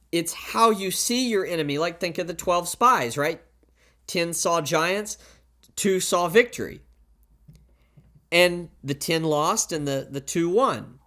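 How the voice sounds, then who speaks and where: High-voiced man preaching at a pulpit microphone. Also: a bit bright. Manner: plain conversational preaching with repeated rhetorical questions. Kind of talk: sermon.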